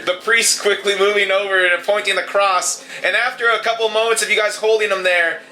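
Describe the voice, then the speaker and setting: A man's voice: high-pitched, flat delivery, brisk, pushed and bright, poor audio. A man narrating a tabletop horror game as game master, with many fillers as he describes scenes.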